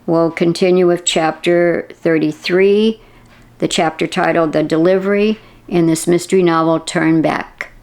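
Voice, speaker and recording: A woman reading a mystery audiobook in a steady, measured way. Her voice is low and carries a gravelly texture. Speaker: audiobook narrator. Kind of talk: audiobook narration.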